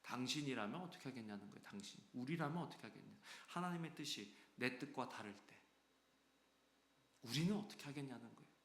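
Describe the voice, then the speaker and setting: Korean pastor preaching in an echoey church. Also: male voice, medium pitch, fast talker. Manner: animated, acts out quoted voices with sudden loud and soft swings. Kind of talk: sermon. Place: church sanctuary.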